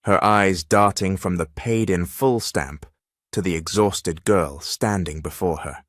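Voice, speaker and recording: A man reading a dramatic story as narrator in a steady, measured way. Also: sits low, no echo, studio quality.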